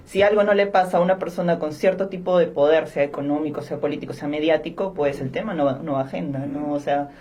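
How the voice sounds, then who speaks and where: A woman's voice: low-pitched, fast talker, hardly any pauses, dark tone, lo-fi sound. A woman hosting a discussion podcast, conversational, asking questions and adding short remarks. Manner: conversational, interjecting with short affirmations. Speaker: podcast host.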